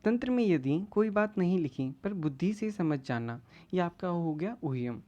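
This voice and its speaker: A woman's voice: on the low side, expressive, normal speed, warm tone. A woman teaching an exam-prep lecture, who reads out each classical Sanskrit term and then restates it in everyday words. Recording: dull lo-fi audio.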